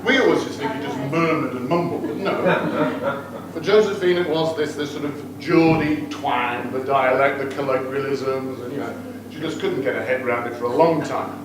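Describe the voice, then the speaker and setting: A man's voice: mid-range voice, normal speed. A middle-aged man giving a joking, teasing wedding toast as father of the groom. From United Kingdom. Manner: teasing, joking, playful asides to guests. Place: wedding reception room with guests. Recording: very echoey room, far off, noisy.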